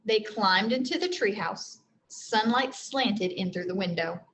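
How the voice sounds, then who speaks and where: With a mid-range, slightly bright voice, a woman teacher takes her time reading a story aloud to kids. She keeps her explanations simple and frequently pauses to ask if they follow.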